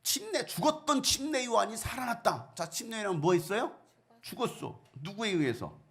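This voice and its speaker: Man, pastor, lively sermon, gravelly voice, quizzes the congregation. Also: sits high, moderate pace. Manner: animated, acts out quoted voices, asks the congregation questions.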